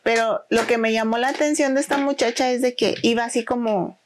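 Higher-voiced woman telling a story. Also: steady tone, fairly quick, background noise. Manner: rambling anecdotal storytelling, acts out quotes. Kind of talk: casual chat.

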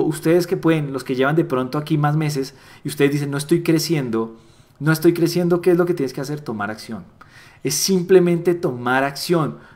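A man giving a motivational training talk on sales and networking, repeating key phrases for emphasis. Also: on the high side. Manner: animated, acts out little dialogues with voice shifts.

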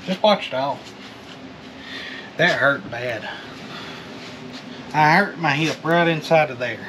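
A man's voice: a little high, slow. A man in his thirties chatting casually to a camera as a vlog host, joking and teasing in a folksy way. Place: inside a metal storage unit. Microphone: camera a few feet away. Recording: noisy, distant from the mic.

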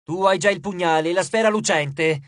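A sly trickster dwarf who teases with a slow, smug drawl, voiced by a man narrating an audiobook. His lines ride a little above a plain speaking voice. The sound is close and dry. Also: high-pitched, a bit bright, no room sound. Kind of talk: audiobook character voice.

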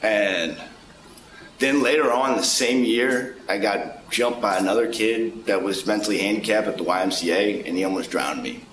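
A man's voice: fairly low pitch, normal speed, echoey room, low-quality recording. A man in his twenties telling a casual story indoors, rambling with lots of fillers. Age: 20s. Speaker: interviewee. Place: indoors, plain wall.

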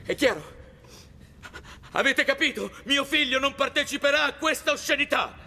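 A man's voice: very high-pitched, lively intonation, normal speed, creaky, pushed and bright, full character voice. An actor playing a defiant, desperate father protecting his son, emotional and confrontational in a dubbed film drama. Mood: outraged. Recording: film music and crowd behind. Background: dramatic music, crowd voices.

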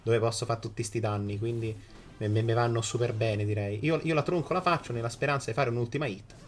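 A man's voice: medium pitch, fast. A man, commentating a live mobile game emphatically, repeating phrases and swearing in exasperation. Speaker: game streamer. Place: small indoor streaming room.

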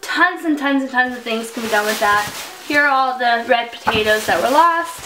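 A woman's voice: on the high side, normal speed. A young woman vlogger chatting casually and animatedly through a grocery haul in her home kitchen. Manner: chatty and animated, holding up items. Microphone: camera mic from a few feet away. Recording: echoey room, distant mic, noisy.

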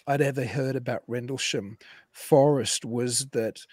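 A man guest historian explaining at length on a live call-in show, animated and digressive with frequent restarts. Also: mid-range voice, a little slow, no room sound, studio quality.

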